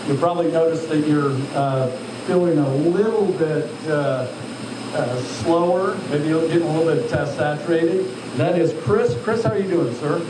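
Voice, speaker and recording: Over a loud machinery hum, captured by a distant mic in an echoey space, an altitude chamber instructor speaks at normal speed in a fairly high-pitched male voice. He directs trainees through hands-on work, checking on them and quizzing them. His manner is directive and questioning, and he addresses them as sir.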